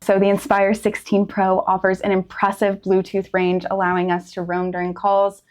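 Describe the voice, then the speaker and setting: A woman's voice: mid-range voice, monotone, normal speed. A woman hosting a product review in a casual presenting style.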